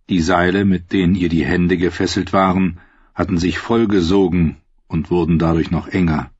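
A man narrates a novel in a measured, dramatic way, his low voice husky. The sound is dry and close, slightly dull and lo-fi. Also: darkish tone, no room sound. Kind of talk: scripted audiobook narration.

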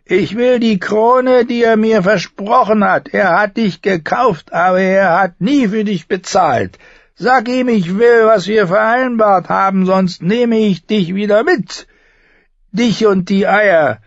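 A man voicing a cruel, unstable young prince who mocks and threatens in a shrill, strained voice. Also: slow pace, no room sound, dull audio. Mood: menacing.

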